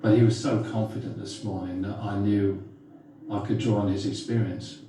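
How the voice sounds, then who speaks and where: A man teaching a class and leading a simulation game, talking in a brisk, directive way, recorded from a distance in a classroom. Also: fairly low pitch, steady tone, warm tone, slight background noise. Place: school classroom. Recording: echoey room, mic far off.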